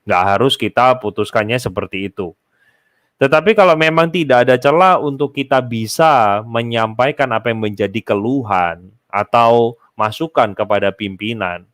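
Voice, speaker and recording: A man's voice: mid-range voice, fairly bright tone, no room sound, clean studio sound. A man, giving casual, explanatory advice to an audience he addresses directly. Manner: explanatory, addresses listeners as Bapak Ibu. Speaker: speaker answering a host's question.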